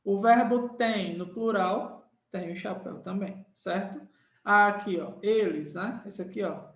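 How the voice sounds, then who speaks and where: A man's voice: sits high, measured pace. A man teaching a grammar lesson, patiently repeating each point and checking in with his students. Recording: echoey room.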